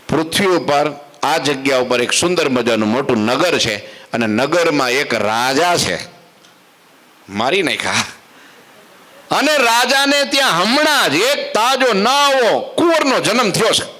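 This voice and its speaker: A patient, commanding deity, as a preacher puts him on, speaking in measured instructions. The voice is bright and clear, a bit raised. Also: male voice, on the high side, big pitch swings, full character voice.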